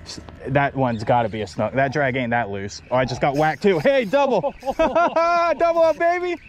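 With a fairly high pitch and a moderate pace, a fishing guide filming his charter gives casual, excited commentary on the catches, laughing often. He's wearing a head-mounted action camera on a small boat on open shallow flats. Outdoor wind and water noise can be heard.

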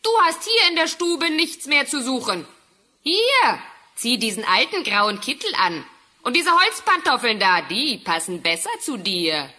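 High-voiced, gloating cruel young stepsister. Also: female voice, big pitch swings, unhurried, pushed and bright, full character voice. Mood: scornful. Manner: gloating, bossy, taunting. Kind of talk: fairy tale audio drama acting.

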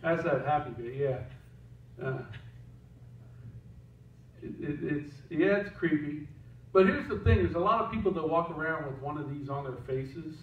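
A man with a high voice preaches a casual, joking sermon. He is heard from across an echoing church sanctuary, and the sound is a little dull. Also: lively intonation, unhurried, pauses often, distant mic, a little hiss or hum. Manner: casual, joking, with asides to the slide operator. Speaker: pastor.

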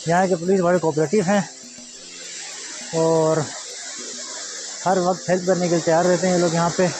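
A man's voice: high voice, level tone, moderate pace, noisy background. A young man from Pakistan chatting casually to viewers as a travel vlogger, filming outdoors by a mountain waterfall on a phone held at arm's length. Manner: chatty, touristy, addressing viewers directly. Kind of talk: casual travel vlog narration.

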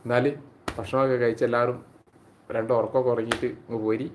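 A man's voice: medium pitch, little pitch movement, fast talker, a little hiss or hum. A man, hosting a casual live stream on his phone and chatting with viewers by name. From Kerala, India. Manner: chatty, greets viewers by name and reads their comments aloud.

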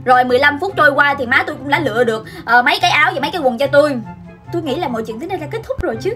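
A young woman, telling a comic childhood story in an animated, dramatic way. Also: high voice, rapid-fire, faint music behind. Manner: animated and dramatic, acts out scenes. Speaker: vlogger.

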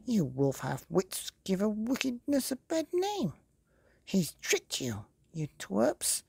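A woman's voice: mid-range voice, huge pitch swings, takes it slowly, creaky, darkish tone, husky, no room sound, studio quality, pitched above the performer's own voice, full character voice. A woman voicing a spiteful female wicked fairy in a storybook, scornful and name-calling. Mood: scolding.

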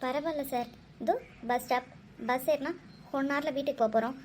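A woman voicing a polite young woman friend in a cartoon who calmly reassures. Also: high voice, brisk, a little hiss or hum, lightly acted.

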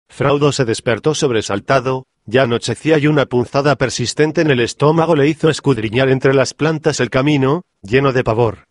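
A man reading a comic parody audiobook in an even, measured scripted narration. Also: mid-range voice, dry recording, clean studio sound.

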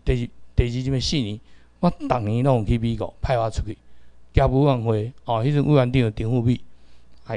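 A man's voice: mid-range voice, warm tone, no echo. A middle-aged man with a Taiwanese accent teaching a class, lecturing and calling out drill commands for the students to repeat.

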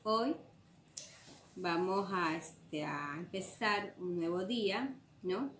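A woman teacher giving a slow, patient classroom lesson and checking in with her students through frequent questions. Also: on the low side, fairly bright tone, slight background noise. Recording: echoey room, faint ambience.

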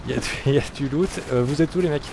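A man's voice: mid-range voice, racing, gravelly, noisy background. A man giving casual gameplay commentary as a gaming YouTuber, talking in a chatty, hesitant way full of fillers.

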